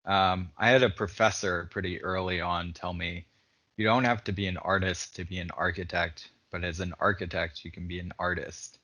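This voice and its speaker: A young man, an architecture student, answering panel questions in a relaxed, casual way with fillers. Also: deep voice, normal speed, dull audio.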